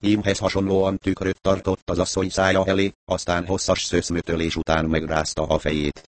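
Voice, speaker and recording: A man narrating a story at a steady, measured pace. His voice sits very low, and the recording is dry and close with no room sound. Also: dry recording. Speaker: audiobook narrator. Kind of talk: scripted narration.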